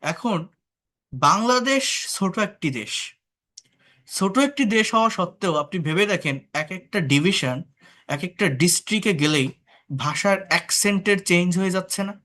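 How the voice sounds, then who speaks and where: Slightly high-voiced Bangladeshi male tutor. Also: expressive, normal speed, sharp tone. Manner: explains patiently, asks the class rhetorical questions; mixes English words into his talk. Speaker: English tutor. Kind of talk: online class lecture.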